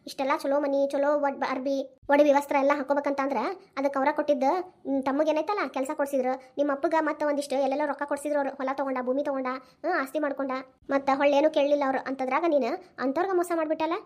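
A bitter, unforgiving village mother from a homespun cartoon lectures with a North Karnataka accent, voiced by a woman. Her voice sits high and runs fast in a long, scolding tirade. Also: level tone, darkish tone, natural voice. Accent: North Karnataka Kannada. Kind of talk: cartoon voice acting.

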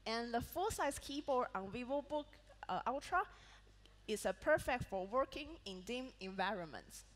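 A woman with a Malaysian English accent delivers a laptop launch keynote as product manager, reading her prepared points on a big event-hall stage and stumbling into small slips and restarts. She sounds a little high with lively intonation at normal speed, and the hall's sound is reverberant.

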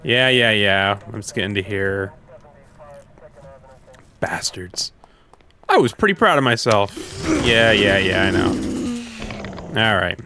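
A man's voice: on the low side, normal speed, bright, forceful tone, a little hiss or hum. A man gamer giving casual commentary on a horror game, thinking aloud in loose, sweary language.

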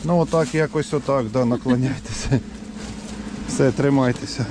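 A man working as a volunteer rescuer, calmly and practically giving reassuring instructions to people as he helps them into an evacuation vehicle outdoors. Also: medium pitch, normal speed, noisy background. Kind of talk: on-the-spot instructions while loading evacuees.

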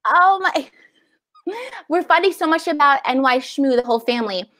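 A chatty, effusive New York City woman in her thirties hosts a library event, casually interviewing a guest over video call and reading out audience questions. Her voice is high, animated and a bit bright, at a normal speed.

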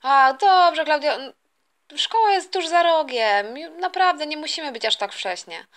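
An easygoing father who talks slowly and calmly, never in a rush, as a woman voices him in a game role-play. Her voice stays high even as the dad. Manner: calm, unhurried. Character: laid-back easygoing father.

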